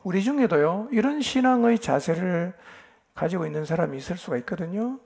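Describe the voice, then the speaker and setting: At a church retreat, a male pastor lectures on the Bible, speaking straight to the congregation with emphatic rhetorical questions and repeated affirming "yes." His high-pitched voice is expressive and brisk, with a creaky, darkish, slightly rough quality.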